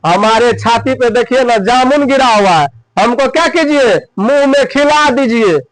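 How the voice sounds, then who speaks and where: A man voicing a lazy young villager, making a slow, drawling plea. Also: very high-pitched, no room sound, rough recording. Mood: lazy pleading. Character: lazy young man lying under a tree.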